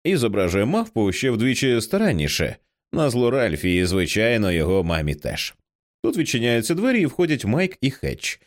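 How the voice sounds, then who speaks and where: A man's voice: medium pitch, normal speed. A man narrating an audiobook dramatically, acting out each character. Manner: expressive, acts out each character. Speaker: audiobook reader.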